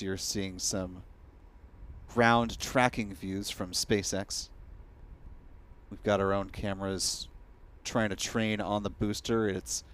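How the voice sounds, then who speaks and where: Low, even-toned male launch commentator. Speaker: live launch broadcast commentator. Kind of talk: measured live commentary.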